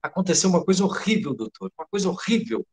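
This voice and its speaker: A man's voice: high-pitched, lively intonation, fast talker, darkish tone. A man playing a panicked babbling head cook. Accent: Brazilian Portuguese. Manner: breathless, babbling, swearing by his mother. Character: panicked middle-aged male head cook.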